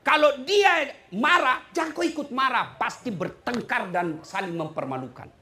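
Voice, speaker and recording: A man's voice: very high voice, moderate pace. A middle-aged male preacher with a Makassar Indonesian accent, giving a humorous sermon full of jokes. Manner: lively, joking, sings song snippets.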